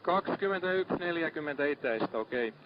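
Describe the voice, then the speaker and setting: A man's voice: on the high side, animated. A man working as a ship's radio officer, speaking in procedural, sometimes hesitant phrases over marine VHF during distress traffic. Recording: muffled lo-fi radio, crowd-like noise behind.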